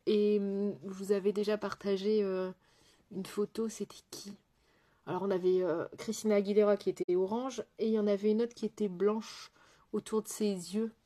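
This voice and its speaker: A woman's voice: medium pitch, flat delivery, moderate pace, mellow. A woman makeup artist chatting casually through a live makeup tutorial, answering viewers' comments as she works, with lots of fillers and sentences that trail off.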